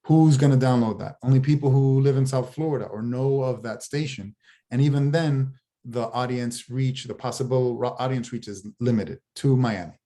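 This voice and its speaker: A man pitching his streaming app in a casual business chat over a video call, rambling with many restarts. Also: normal speed, warm tone. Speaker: guest, TV show founder.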